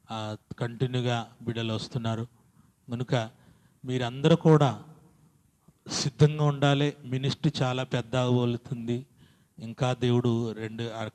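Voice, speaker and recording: Male preacher, fervent church sermon, urging the congregation to answer back. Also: medium pitch. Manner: call-and-response preaching, rising to loud exhortation. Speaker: pastor. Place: church hall.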